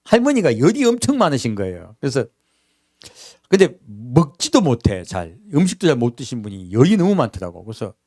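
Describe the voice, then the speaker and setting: A man's voice: medium pitch, huge pitch swings, brisk, darkish tone, no echo, clean studio sound. A man preaching a sermon in a church, talking to the congregation conversationally with many rhetorical questions. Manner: acts out everyday quotes in character voices. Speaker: pastor.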